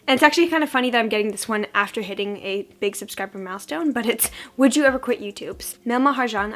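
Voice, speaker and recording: Sounding congested and froggy from a cold-like hoarseness, a young woman does a get-ready-with-me as a beauty vlogger. She chats casually and self-deprecatingly. Her voice is medium-pitched and a bit bright.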